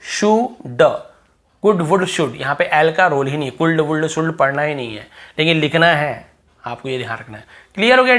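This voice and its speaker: A man with a Hindi accent teaching silent letters in English, who says example words slowly several times and often asks whether things are clear. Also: a little high, a bit bright. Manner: repeats example words slowly, checks understanding with questions. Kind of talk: explaining silent-letter rules.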